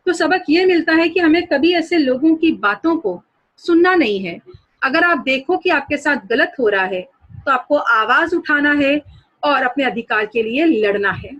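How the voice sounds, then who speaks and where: A woman's voice: high-pitched, animated, a little slow, fairly bright tone, highs cut off. A woman school teacher giving an online lesson. She reads a story aloud and explains it, defining new words for her students.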